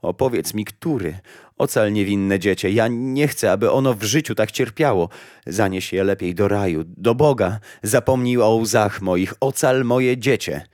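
A man's voice: low-pitched, expressive, slow, a little mellow, no echo, clean studio sound. A man voicing a grieving mother in a storybook, pleading in a raised, urgent voice. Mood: desperate.

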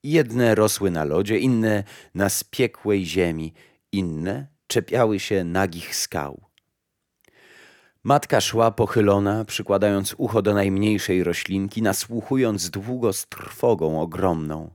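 A man with a very deep voice reads a fairy tale aloud, slow and solemn. The recording is close and dry, without any room sound. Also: darkish tone, no echo. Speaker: narrator. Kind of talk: storybook fairy-tale reading.

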